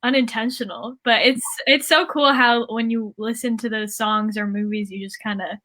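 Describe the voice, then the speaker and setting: Bright-voiced young woman hosting an interview. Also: on the high side, steady tone, normal speed. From United States. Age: young adult. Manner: chatty, upbeat, with frequent fillers and laughs. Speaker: interview host. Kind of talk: casual interview.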